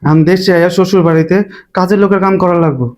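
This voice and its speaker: Guy playing a henpecked son-in-law, highish quick voice, whiny. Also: steady tone, darkish tone, natural voice. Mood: weary. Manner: pleading and complaining. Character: put-upon young son-in-law back from abroad. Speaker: husband.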